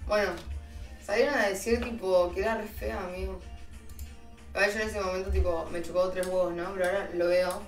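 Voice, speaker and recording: A woman's voice: mid-range voice, steady tone, brisk. A woman with an Argentine accent telling stories to her stream chat in a slangy, chatty way, laughing at herself. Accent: Argentine Spanish. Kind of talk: casual storytelling to stream chat. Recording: roomy, distant mic, faint music.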